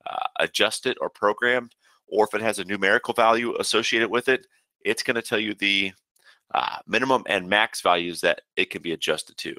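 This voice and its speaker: Man, low-pitched, forceful bright tone, dry close sound; casual webinar trainer who walks through settings step by step. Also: dry recording. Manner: casual, steady instructional talk with frequent "uh" fillers. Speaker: software trainer. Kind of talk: webinar software walkthrough.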